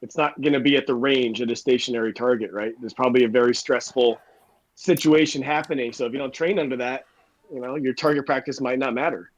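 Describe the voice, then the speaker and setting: Brisk man on a dull lo-fi line. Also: mid-range voice, steady tone. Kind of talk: casual chat.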